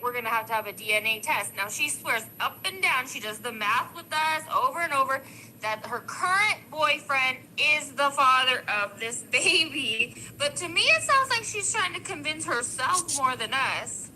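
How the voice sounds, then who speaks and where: A woman in her forties giving live-stream commentary on videos, emphatic and opinionated and getting loud when she is passionate. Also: high-pitched, lively intonation, normal speed, slight background noise, low-quality recording.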